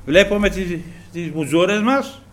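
In a high, fairly bright voice, a man delivers a sermon to his congregation, pausing often with filler sounds and praising the Lord again and again.

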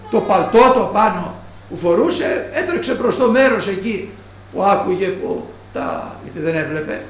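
A man preaching a sermon who slows down and stresses each quoted line of scripture. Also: high voice, slight background noise. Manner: slow, stressed quoting of scripture. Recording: echoey room.

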